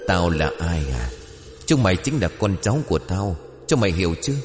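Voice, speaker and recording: A man voicing the vengeful ghost of a woman in a storybook horror tale, speaking slowly and with menace. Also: sits low, very animated, big-room sound, music in the background. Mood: menacing.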